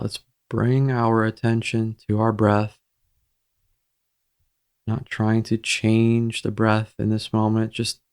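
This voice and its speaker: A man guides a meditation in a low, noticeably creaky voice. He speaks gently and in a measured way, pausing between short phrases. His intonation stays fairly even, so it feels soothing and steady.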